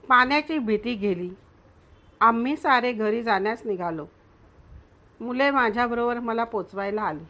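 A woman storyteller reading aloud slowly and gently, each phrase measured out. Her voice sits a little high for a woman, calm and even in its storybook narration.

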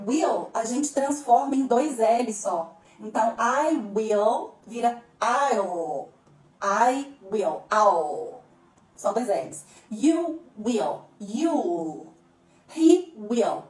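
Lively woman teaching English grammar. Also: a little high, far from the mic. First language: Portuguese. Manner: lively, slows down to spell out English examples. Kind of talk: explaining grammar to camera. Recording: echoey room, a bit off-mic.

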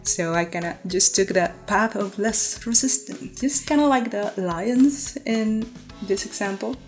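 Slow, laid-back woman artist narrating. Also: medium pitch, faint music behind. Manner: easygoing, laid-back, many fillers. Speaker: artist vlogger. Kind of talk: casual voice-over narration.

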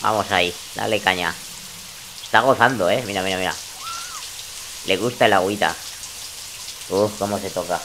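A man's voice: low voice, steady tone, normal speed, long pauses, background noise. A young man giving joking, crude gameplay commentary in a teasing, playful way. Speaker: let's play gamer.

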